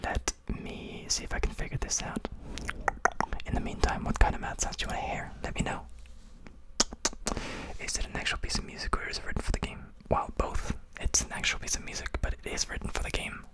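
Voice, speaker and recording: Casting: ASMR livestream host, entirely whispered, breathy and soft, casual chat delivered close to the mic. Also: a little fast, poor audio. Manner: soft, informal ASMR whispering to live viewers. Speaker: streamer and game developer.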